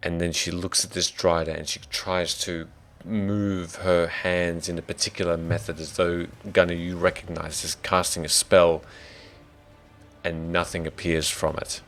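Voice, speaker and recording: An Australian man narrating a tabletop game as dungeon master, thinking out loud and muttering to himself while he sets things up. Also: deep voice, level tone, a little slow.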